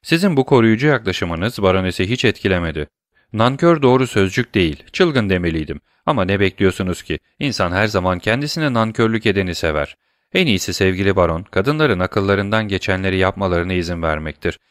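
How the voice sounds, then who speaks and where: A man voicing a cool, scheming, worldly count who speaks smoothly and with self-assured irony. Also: sits low, expressive, fairly quick, no echo, studio quality. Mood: ironic.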